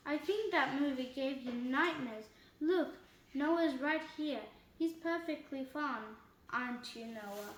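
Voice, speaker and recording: A woman reading the part of a gentle, caring mother, soft and soothing. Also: high-pitched, slow, reverberant, a little hiss or hum.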